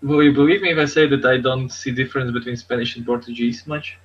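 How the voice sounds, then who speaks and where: Speaking fast with a steady tone and medium pitch, a man co-hosts a laid-back tech podcast through an online video hangout, his phrasing loose and repetitive. The online call sounds dull and lo-fi, with faint noise.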